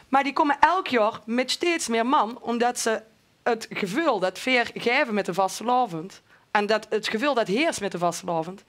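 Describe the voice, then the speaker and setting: A woman's voice: on the high side, fairly bright tone. A woman with a Limburg accent telling an anecdote casually as a panelist.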